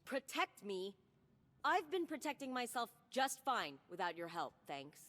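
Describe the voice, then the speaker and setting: Casting: wounded, defensive young sister, animated and a bit high, in a reverberant space. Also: female voice, unhurried. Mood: hurt. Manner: emotional, defensive. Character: young woman, hurt and distrustful sister. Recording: game cutscene with long reverb.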